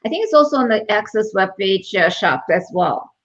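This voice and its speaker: A woman's voice: medium pitch, expressive, moderate pace. A woman co-hosting a casual livestream chat, chiming in with short supportive remarks over a dull lo-fi call line. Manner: supportive, brief interjections. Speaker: co-host.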